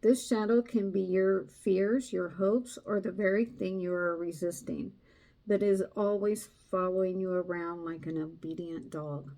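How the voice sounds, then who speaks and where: Lady doing a tarot reading, slow and hesitant, lots of ums, mellow darkish voice. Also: lowish voice, steady tone. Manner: hesitant, many fillers; soft-spoken, reading aloud from a card book. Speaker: tarot reader. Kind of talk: casual tarot reading video.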